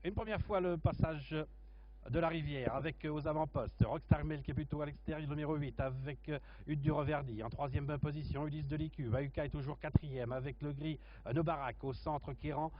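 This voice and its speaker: Higher-voiced Frenchman calling a horse race, muffled sound. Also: steady tone. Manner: halting, listing runners in order. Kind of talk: live horse racing commentary. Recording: muffled, noisy racecourse commentary feed.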